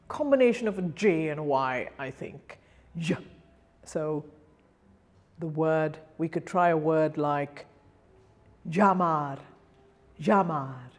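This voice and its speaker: A woman gives a diction lesson for singers, speaking in a fairly low voice. She takes it very slowly and carefully, sounding out each example word and repeating it so the listener can follow. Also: a little mellow. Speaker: singing diction teacher. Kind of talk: pronunciation lesson.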